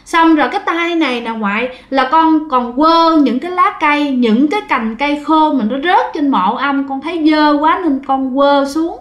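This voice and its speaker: A woman's voice: high-pitched, lively intonation, a little fast, hardly any pauses, fairly bright tone, muffled recording, pitched above the performer's own voice. A woman voicing a crying little child in pain, pleading tearfully. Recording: roomy echo.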